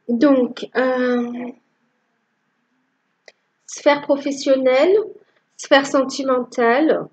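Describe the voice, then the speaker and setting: A woman giving a tarot reading to her viewers, with a halting delivery that repeats phrases. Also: a little high, a little mellow, muffled recording. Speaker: tarot reader.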